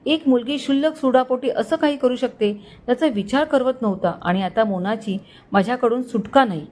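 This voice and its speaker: Woman narrating a story, slightly high voice. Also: normal speed, darkish tone.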